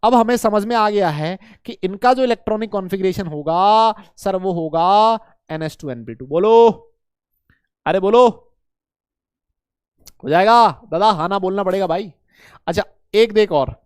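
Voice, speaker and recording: A man teaching chemistry to students in a lively lecture, asking questions and answering them himself, with playful memory tricks. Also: sits high, smooth, no room sound, studio quality. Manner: voices imagined student questions.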